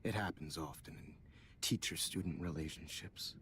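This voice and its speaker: An actor playing a middle-aged photography teacher turned killer in a video game, giving a slow, condescending villain monologue with breathy, hushed phrase endings. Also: male voice, extremely low pitch, slight background noise. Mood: taunting. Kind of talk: dramatic video game voice acting.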